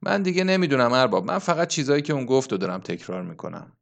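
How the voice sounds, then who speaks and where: A man doing a quick, cheeky village boy. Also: lively intonation, vocal fry. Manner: quick, higher, eager chatter.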